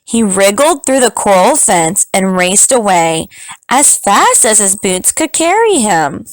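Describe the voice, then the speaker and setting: A woman teacher reading a picture book aloud to children, slow and highly expressive. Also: dry recording, low-quality recording. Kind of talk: storybook read-aloud for children.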